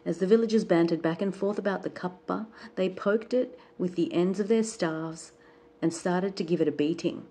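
Woman reading an old folk tale, low husky voice, calm and measured. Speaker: storyteller.

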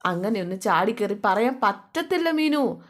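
A woman's voice: mid-range voice, very animated, moderate pace, lightly acted. A woman voicing a patient young husband who coaxes and placates his angry wife. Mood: soothing. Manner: coaxing, placating.

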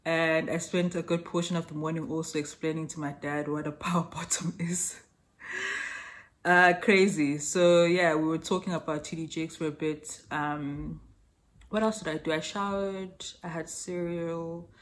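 A woman's voice: deep voice, fairly even intonation, normal speed. A young woman chatting to her camera at home, rambling with fillers and small laughs. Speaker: vlogger. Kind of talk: casual chat to camera. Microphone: camera mic.

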